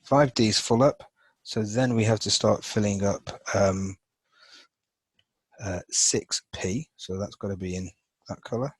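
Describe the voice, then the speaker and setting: A man with a lowish, slightly husky voice walks through a chemistry lesson, thinking aloud as he marks up a chart. He talks in a loose, unscripted way, full of fillers and restarts. The sound is dry and close. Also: measured pace, no room sound, rough recording. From England. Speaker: chemistry teacher. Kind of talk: informal lesson over a drawn screen.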